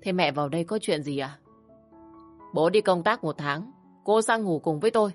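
A woman's voice: lowish voice, normal speed, soft background music, natural voice. A woman voicing a bossy, contemptuous older mother-in-law who scolds and sneers. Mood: scolding.

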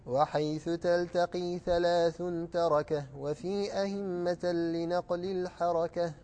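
A man's voice: high voice, flat delivery, unhurried, warm tone. A man reciting lines of a didactic poem aloud for the teacher to explain. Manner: reads lines of verse aloud. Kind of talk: reciting verses.

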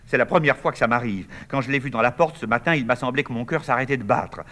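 A man's voice: medium pitch, fast, a bit bright, pitched above the performer's own voice, natural voice. A man voicing a tearful lovesick young woman. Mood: pleading. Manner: pleading, tearful.

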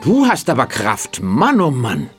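A woman's voice: extremely low pitch, unhurried, faint music behind, heavily acted. A woman voicing a polite, enthusiastic young soldier in a fairy tale. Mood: admiring. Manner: lively, enthusiastic.

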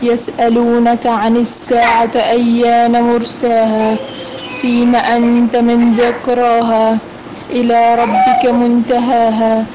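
A woman reciting in a lesson, halting and restarting words. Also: on the high side, completely flat delivery. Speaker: recitation student. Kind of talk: Quran recitation. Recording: clear background noise.

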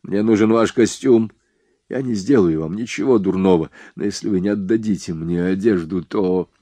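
A man's voice: low-pitched, moderate pace, mellow, no room sound. A man reading the lines of a shy, hapless young man who stumbles over his words in an audiobook. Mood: sheepish. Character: timid, hapless young man posing as a robber.

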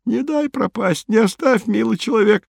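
A man's voice: completely flat delivery, extremely slow, vocal fry, warm tone, no echo, studio quality, full character voice. A man voicing a panicked stranger sinking in mud, wailing old-fashioned pleas for help. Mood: desperate wailing. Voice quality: shrill, whining. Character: panicked stranger drowning in mud, pleading archaically.

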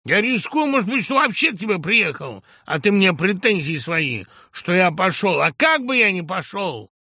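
A man reading an audiobook, voicing a loud, hysterical middle-aged male producer who rants and bullies. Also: mid-range voice, big pitch swings, takes it slowly, slightly rough, no room sound, clean studio sound, heavily acted. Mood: ranting furious. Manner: ranting, shouting, bullying.

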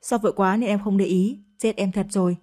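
A woman's voice: medium pitch, fairly even intonation, brisk, dark tone, lightly acted. A woman voicing a scheming middle-aged woman in an audio story, whining and pleading.

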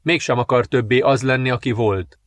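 A man reading a fantasy audiobook in a measured, dramatic narration. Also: medium pitch, no room sound. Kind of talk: scripted narration.

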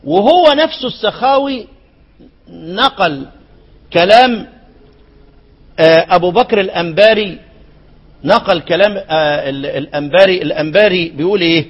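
An older man with an Egyptian accent teaching Quranic readings, quizzing his students and chanting quoted verses slowly. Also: high voice, breathy edge, dull audio. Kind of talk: classroom lesson on Quranic readings.

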